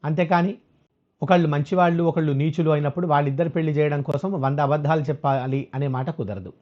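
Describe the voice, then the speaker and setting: A man giving a religious discourse as a spiritual teacher, explaining scripture and slowly chanting verses, on a dull lo-fi recording. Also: fairly high pitch, fairly even intonation.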